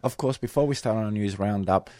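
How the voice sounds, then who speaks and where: Male radio co-host, very deep and husky from a cold, hesitant and good-humoured, dry close mic. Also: a little fast, mellow, no echo. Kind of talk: community radio chat. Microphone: studio microphone.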